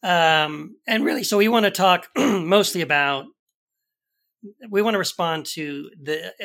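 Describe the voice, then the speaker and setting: A man co-hosting a podcast, giving an emphatic, animated rebuttal to a video clip. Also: fairly high pitch, creaky. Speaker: podcast co-host.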